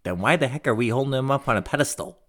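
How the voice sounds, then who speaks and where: A man's voice: mid-range voice, expressive, racing, fairly bright tone. A man co-hosting a podcast, chatting casually with sarcastic jokes and mock-dramatic gasps. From North America. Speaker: podcast co-host. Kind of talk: casual chat.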